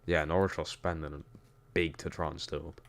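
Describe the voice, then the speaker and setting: This young Newcastle man, with a Geordie accent, talks at a normal speed in a rumbling low voice with flat delivery. He's streaming a football game, reading chat and keeping up casual commentary.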